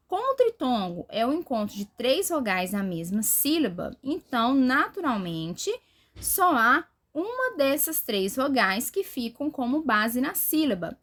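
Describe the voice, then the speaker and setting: A woman's voice: on the high side, a bit bright. A woman teacher giving a recorded grammar lesson, explaining step by step and checking in with short "right?" tags.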